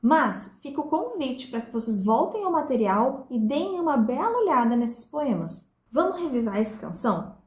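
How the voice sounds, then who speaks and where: A Brazilian woman teaching a literature review class, reading verses aloud slowly and counting their syllables one by one. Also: sits high, big pitch swings, echoey room. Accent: Brazilian Portuguese. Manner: didactic, slows down to read and split verses syllable by syllable. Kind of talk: recorded class review lesson.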